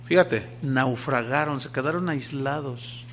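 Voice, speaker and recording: A man, a pastor, preaching a sermon, moving between loud emphatic lines and quiet asides while acting out quoted voices. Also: mid-range voice, unhurried, slight background noise.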